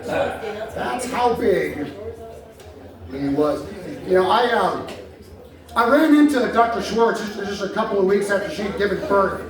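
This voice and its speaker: A man's voice: sits high, expressive, a little slow, pauses often. A man giving a wry, teasing comic roast to a live audience, with playful sound effects. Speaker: comedian roasting colleagues. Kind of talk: stand-up roast toast. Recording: echoey hall, distant mic, crowd laughter.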